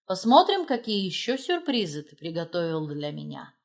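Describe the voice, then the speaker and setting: A woman voicing a betrayed, controlled wife in an audiobook, speaking low, quiet and cold. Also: big pitch swings, normal speed, vocal fry, exaggerated voice.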